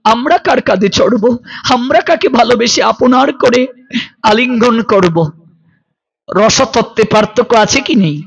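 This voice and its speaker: A man's voice: very high voice, breathy edge, poor audio. A man preaching a devotional sermon, telling stories and voicing the people in them, asking the listeners rhetorical questions, and at times chanting verse. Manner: expressive storytelling, voicing characters in quoted scenes.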